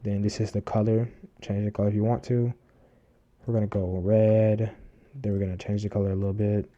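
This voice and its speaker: A man with a lowish voice hosts a screen-recorded tutorial, talking casually and rambling with lots of fillers and restarts. He breathes heavily into a desk mic held close to his mouth, and the audio sounds dull.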